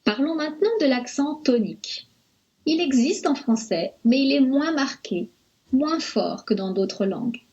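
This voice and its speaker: Slow, careful woman teaching pronunciation. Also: a little high, a little mellow, muffled recording. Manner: slow, careful, over-articulated explanations. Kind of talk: slow scripted lesson narration.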